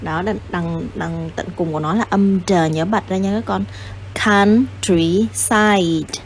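A woman teaching English to children, patient and coaxing, repeating and spelling words out slowly. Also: fairly low pitch, fairly even intonation, darkish tone, a little hiss or hum. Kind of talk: explaining a lesson.

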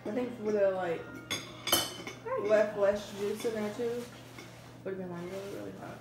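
A woman's voice: medium pitch, fairly even intonation, moderate pace, over music. A young woman chatting casually as her mouth burns from spicy food. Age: young adult. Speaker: challenge participant. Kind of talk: casual chat during an eating challenge. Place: indoor room at a table. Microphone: camera on table, over a meter away. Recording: distant, echoey room with clinking dishes.

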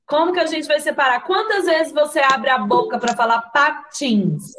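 In a rough recording of a computer video call, a woman with a Brazilian Portuguese accent teaches young children online. Her voice sits high with a fairly bright tone, and she talks fairly quickly. She's a patient primary school teacher who spells words out syllable by syllable and puts questions to the class.

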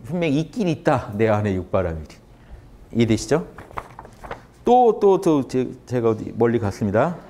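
A man lectures a live audience on Buddhist teachings, and his pitch swings up and down a lot as he speaks. He keeps turning to his listeners with questions. His voice sits at an average pitch for a man. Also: normal speed, a little hiss or hum. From Korea. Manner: animated, asks the audience questions.

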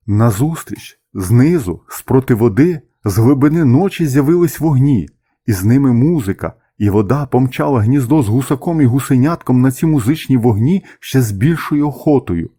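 Mellow-voiced male storyteller. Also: medium pitch, husky. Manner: expressive, measured reading. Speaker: narrator. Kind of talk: audiobook storytelling.

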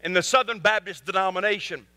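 A male pastor preaching a sermon with emphasis, repeating rhetorical questions and swinging from soft asides to loud peaks. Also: high voice, fast talker, no room sound.

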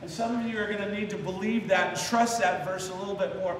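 A man's voice: sits high, steady tone, fast, a little hiss or hum. A male pastor preaching a sermon and leading the congregation in call-and-response on a memory verse. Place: church sanctuary. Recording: echoey church hall from a distance.

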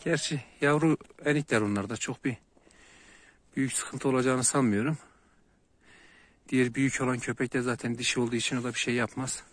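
A man's voice: mid-range voice, fairly even intonation, fairly quick, long pauses, no echo. A man filming his shepherd dogs outdoors by a flock, commenting to viewers and calling his dogs. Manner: calls and soothes dogs, shouts sharply when they fight. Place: outdoors near a flock of sheep.

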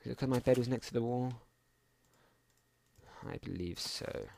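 A man's voice: medium pitch, normal speed, gravelly, a little mellow, a little hiss or hum. A young man casually commenting while playing a game at home, rambling through mumbled asides into a desktop microphone. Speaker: gaming channel host. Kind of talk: casual let's play commentary.

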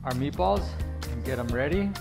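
A cooking video host in his thirties demonstrates a recipe in a kitchen, cheerfully walking the camera through every step. He speaks at normal speed in a medium-pitched, expressive, creaky voice over music.

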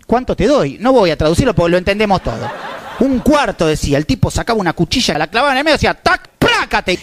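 A man's voice: high-pitched, slight background noise. A man with a Rioplatense Argentine accent telling stand-up stories in crude street slang and acting out neighborhood characters. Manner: animated, acts out neighborhood characters. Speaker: stand-up comedian. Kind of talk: stand-up storytelling.

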